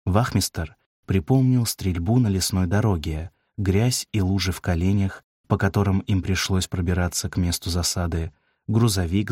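Low husky male narrator, dry. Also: darkish tone, dry recording. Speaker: audiobook narrator. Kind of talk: scripted narration.

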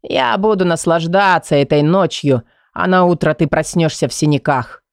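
Female reader voicing a vicious, commanding young man, low growl, close dry mic. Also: moderate pace, no room sound. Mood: menacing. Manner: snarling, threatening, low menacing whisper. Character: cruel menacing young man, domineering and vulgar.

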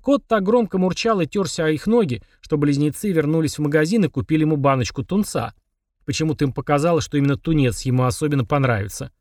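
A man narrating a children's audiobook in a lively, playful manner. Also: on the high side, dry recording, clean studio sound.

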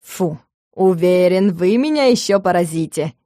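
A pushy, self-satisfied businessman drawls his lines slowly and oilily, as a woman reading an audiobook lowers her voice a little for him. The tone is dark and mellow, and the recording is close and dry. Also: lively intonation, no room sound. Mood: smug. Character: smug, pushy, slimy male business partner.

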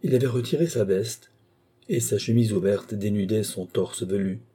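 A man calmly narrating an audiobook story. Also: lowish voice, breathy edge. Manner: calm, measured storytelling.

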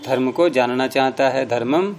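A man gives a patient classroom lesson at a middle pitch. He repeats each form carefully before explaining the rule. A faint hiss sits under his voice. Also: gravelly, darkish tone. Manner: patient, repeats forms slowly and explains step by step. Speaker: Sanskrit grammar teacher.

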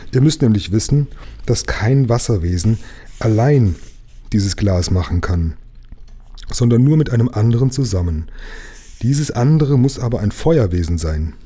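A man voicing a sad, gentle young mermaid princess in a storybook read aloud, with a soft, tearful voice. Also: lowish voice, husky, voice pushed up.

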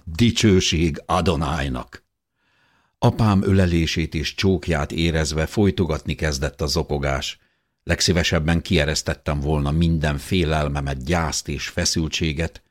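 A man reading a first-person audiobook in a steady, measured way. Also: a bass voice. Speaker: audiobook narrator.

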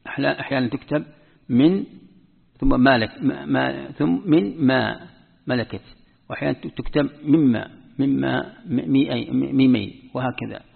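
A man's voice: mid-range voice, moderate pace, creaky, pauses often, slightly rough. A man giving a patient spoken lesson as an Islamic scholar, repeating key words as he explains. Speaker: Islamic scholar teaching Quran script rules. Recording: tinny phone-like audio in a reverberant hall.

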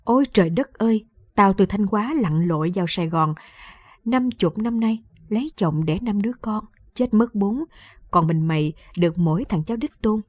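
Woman reader putting on a loud, fiery old grandma in a radio story, pitched up, warm and dry. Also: lively intonation, moderate pace, no echo, natural voice. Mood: shrieking. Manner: shrill, yelling scold. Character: quick-tempered old woman, loud scolding mother-in-law.

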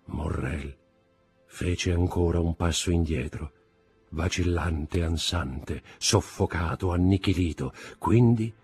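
A man reading a classic novel aloud as an audiobook narrator, in a measured, dramatic way. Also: low-pitched, a little mellow, breathy edge, soft background music. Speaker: audiobook reader.

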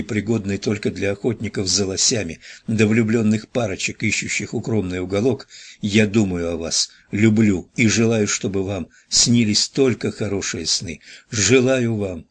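A man voicing a hunted fugitive's quiet inner monologue in a low, husky voice. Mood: tender.

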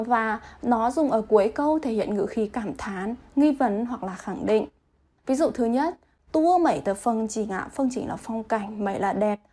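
A woman teaching vocabulary, reading example sentences slowly and then translating them word by word. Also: a little high, mellow. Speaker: Chinese language teacher.

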